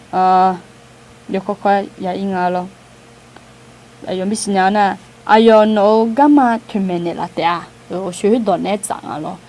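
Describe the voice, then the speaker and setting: Mellow-voiced woman talking to a group. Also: mid-range voice, a little hiss or hum. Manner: conversational, with frequent hesitation sounds and light laughter. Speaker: outreach speaker. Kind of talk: informal talk to a group.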